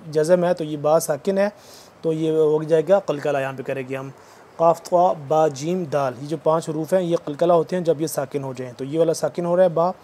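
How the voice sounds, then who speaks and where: A man teaching Quran recitation in an online lesson, patiently explaining the rules letter by letter and chanting the verses slowly. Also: fairly high pitch, warm tone, a little hiss or hum. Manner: slow drawn-out recitation between spelled-out letter drills; patient explaining, often checking back with the viewer.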